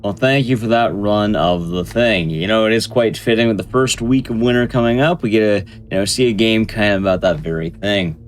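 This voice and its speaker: A man's voice: on the low side, a little fast, few pauses. A man hosting a speedrun show, making casual announcements and introductions.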